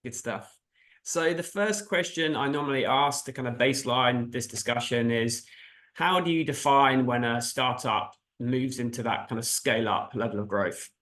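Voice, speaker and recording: A man with an average-pitched voice hosts a casual interview. He introduces and asks in a hesitant, loosely phrased way, circling toward each question. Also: normal speed, a bit bright. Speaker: host, interviewer.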